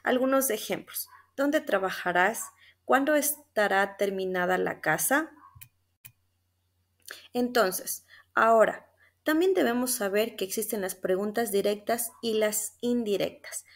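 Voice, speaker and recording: A woman's voice: mid-range voice, measured pace. A young woman with an Ecuadorian Spanish accent gives a class presentation from slides. She explains step by step and reads the examples aloud. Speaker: student presenter.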